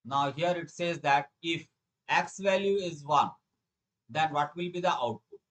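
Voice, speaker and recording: A middle-aged man with an Indian accent teaches a live online programming lesson, explaining quiz questions, repeating phrases for emphasis, and questioning his students. His voice is a little high, a little slow, and a bit bright, though the audio is poor.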